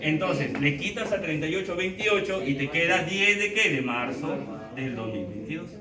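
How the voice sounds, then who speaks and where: A man teaching a class, animated, counting aloud and quizzing his students as he works at the board. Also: fairly high pitch, moderate pace, roomy sound, recorded from a distance, a crowd in the background, rough recording. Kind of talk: classroom lecture.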